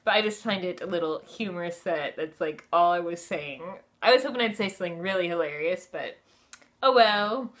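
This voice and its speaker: A woman's voice: fairly low pitch, fairly quick. A woman in her twenties talking casually to camera at home as a vlogger, in a chatty, conversational way with plenty of filler phrases. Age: 20s. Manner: chatty, conversational, frequent "like" and "you know". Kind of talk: casual personal storytelling to camera. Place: furnished room at home, indoors.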